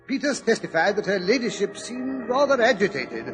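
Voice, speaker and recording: An actor in an old radio drama playing a doctor who lays out a case in a measured, explanatory way. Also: male voice, high voice, big pitch swings, loud music behind the voice. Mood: explaining. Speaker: Doctor Watson. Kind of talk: 1940s radio acting. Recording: old radio broadcast recording.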